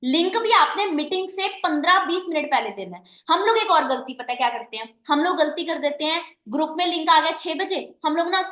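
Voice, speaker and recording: Brief: female team manager leading a training call; bright, forceful delivery, roomy sound. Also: high-pitched. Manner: coaching, repeats "ठीक है" and "है ना" often; addresses listeners as dear and guys. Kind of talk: recorded training meeting. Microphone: online meeting recording.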